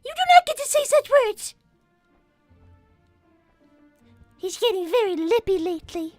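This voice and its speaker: A woman's voice: very high-pitched, very animated, brisk, darkish tone, no room sound, soft background music. A woman voicing a polite, easily flustered young girl rabbit in an improvised cartoon livestream, protesting in wordy, prim sentences. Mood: indignant. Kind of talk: improvised cartoon character livestream, reading viewer messages.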